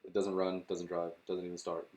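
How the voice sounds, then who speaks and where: A man's voice: sits low, completely flat delivery, a little fast, darkish tone. A young man co-hosting a podcast, chatting casually and reading out facts with lots of fillers and the odd swear. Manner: laid-back, reads car facts with fillers and swearing. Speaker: podcast co-host. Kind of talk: casual chat.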